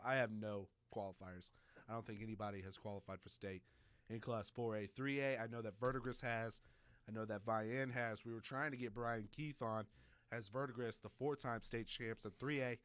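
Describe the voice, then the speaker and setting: A man hosting a high school sports talk show, chatty and joking with fillers. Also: normal speed, a bit bright, no room sound. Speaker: sports radio host.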